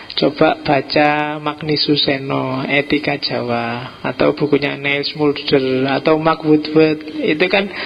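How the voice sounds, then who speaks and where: A middle-aged man with a Javanese accent giving an informal, relaxed philosophy lecture to a class, teasing his listeners now and then. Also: fairly high pitch, a little hiss or hum, low-quality recording. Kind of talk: informal lecture to a live audience.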